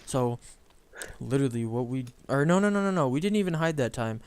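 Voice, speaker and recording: A man's voice: mid-range voice, expressive, brisk, darkish tone, clear, resonant tone, no room sound. A young man casually telling a story on a chat show, rambling with lots of fillers and self-corrections.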